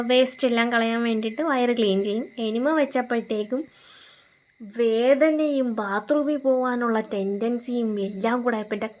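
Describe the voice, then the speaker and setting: Woman telling her own story, slightly high voice. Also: slight background noise. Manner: conversational, frequent fillers and restarts. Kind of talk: casual personal storytelling.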